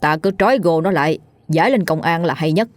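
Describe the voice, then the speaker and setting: Woman doing a calm, persuasive villager man. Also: low-pitched, fairly quick, dry recording, close to an everyday voice.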